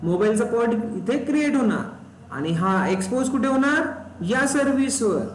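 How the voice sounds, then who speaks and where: A man's voice: very high-pitched, animated, moderate pace. A man teaching a live technical class, often asking students questions and repeating key terms. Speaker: instructor. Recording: roomy echo, faint background noise.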